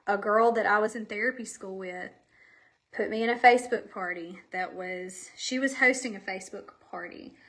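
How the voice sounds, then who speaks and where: Her voice mid-range and fairly bright, a woman streams a makeup session live from home. She rambles in a casual, slightly out-of-breath way, speaking straight to the viewers through a camera facing her.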